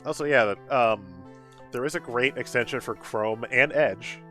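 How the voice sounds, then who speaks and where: Over video game music, a man streaming a game talks casually at a moderate pace, mixing wry asides with readings of on-screen text. His mid-range voice sounds bright and forceful.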